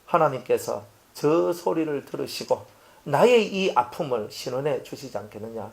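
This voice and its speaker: A man's voice: mid-range voice, lively intonation, normal speed, creaky, voice pushed down. A man doing a grieving old king. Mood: sorrowful.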